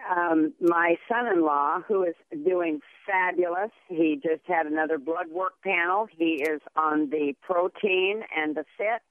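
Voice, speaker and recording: A woman's voice: sits low, no echo. An older woman calling in to a radio show, chatty and effusive, on a clipped phone line that keeps breaking up. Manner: chatty, effusive, warmly praising. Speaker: radio call-in caller. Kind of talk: casual call-in chat. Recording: tinny phone line cutting in and out.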